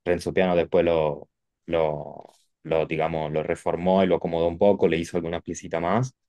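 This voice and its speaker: This guest, an architect from Turin, Italy, rambles easily through a conversational interview in Rioplatense Spanish colored by Italian, correcting himself and using plenty of fillers. His voice is low-pitched at normal speed, on a dry recording.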